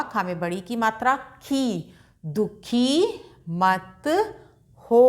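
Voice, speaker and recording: A woman's voice: on the high side, sharp tone. A woman teaching beginners to read, sounding out each syllable and repeating every word patiently. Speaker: Hindi literacy teacher. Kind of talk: slow step-by-step reading lesson. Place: indoors at a classroom board.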